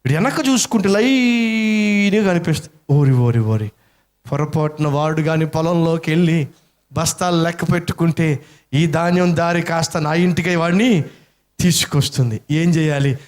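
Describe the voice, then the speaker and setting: A man's voice: on the high side, normal speed, a little mellow. A man preaching a sermon, telling a story dramatically with acted-out voices and rhetorical questions to the congregation. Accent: Telugu-speaking Indian.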